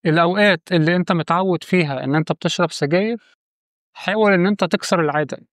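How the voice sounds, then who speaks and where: A man's voice: high-pitched, rapid-fire, no room sound, studio quality. A man with an Egyptian Arabic accent giving direct, coaching advice to the viewer in a casual monologue. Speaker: channel host giving quit-smoking advice.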